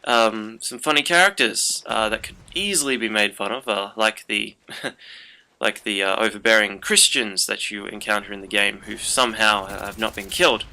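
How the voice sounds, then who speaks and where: Young male gaming host, very bright and forceful tone, chatty and meandering delivery. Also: on the low side, normal speed. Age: young adult. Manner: rambling, chatty storytelling with many fillers. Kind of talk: casual commentary over gameplay.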